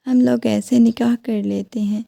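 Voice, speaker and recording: A woman voicing a heartbroken, tearful young wife who pleads softly, in a creaky voice. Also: fairly high pitch, fairly even intonation, no room sound, studio quality.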